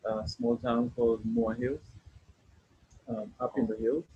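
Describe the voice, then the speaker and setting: Kenyan man, soft and reflective, muffled call audio, faint hiss. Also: mid-range voice, fairly even intonation, measured pace. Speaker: panel guest, worship leader and writer. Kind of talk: casual panel chat. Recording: dull, slightly noisy online call audio.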